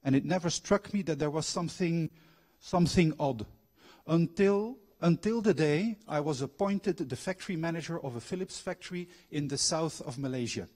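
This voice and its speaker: His voice sits on the high side and sounds a little mellow, moving at a moderate pace. The middle-aged guest lecturer, Belgian by origin but raised abroad, formerly managed a factory and trained as a coach; in a university lecture hall he engages listeners with questions and personal anecdotes.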